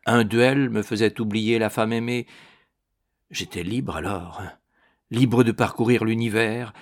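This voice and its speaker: Heartsick young swordsman brooding to himself, read by a man, soft low murmur, slow.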